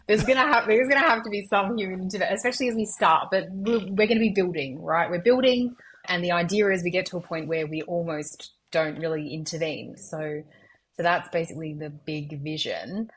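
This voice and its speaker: A woman co-hosting a podcast, chatting casually about technology, chatty and quick to jump in. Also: on the low side, a little hiss or hum. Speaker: podcast co-host. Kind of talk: casual tech podcast chat.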